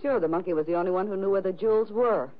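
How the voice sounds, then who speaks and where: A woman's voice: mid-range voice, very fast, close to an everyday voice. A woman playing Lola, defiant radio femme fatale. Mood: wary, defensive. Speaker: radio drama actor. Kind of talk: 1950s radio mystery acting. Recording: noisy, muffled vintage radio recording.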